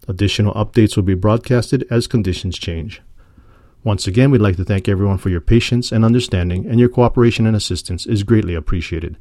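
A man with a low voice delivers a civil defense broadcast. He reads prepared text in a measured, official way, as a formal public announcement. The sound is dry, with hardly any room to it. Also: darkish tone, no echo.

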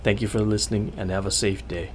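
A man reads a scripted public emergency bulletin as a civil defense official, with formal, measured official delivery. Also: on the low side, level tone. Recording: clearly noisy announcement recording.

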